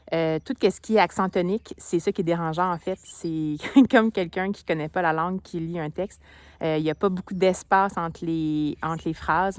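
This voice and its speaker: Chatty Québécoise vlogger, low voice. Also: female voice. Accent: Québécois French. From Quebec. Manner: chatty, explanatory. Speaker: book vlogger. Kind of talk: casual vlog chat. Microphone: handheld phone.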